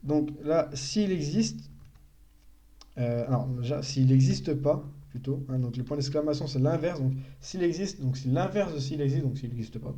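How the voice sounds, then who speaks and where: A man's voice: a little high, normal speed, dark tone. A young man giving a casual live-stream coding tutorial, thinking aloud and correcting himself as he explains. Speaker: programming tutor.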